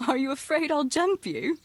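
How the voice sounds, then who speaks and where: Theresa, a teasing young village sweetheart. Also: female voice, high-pitched, no echo, full character voice. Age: young adult.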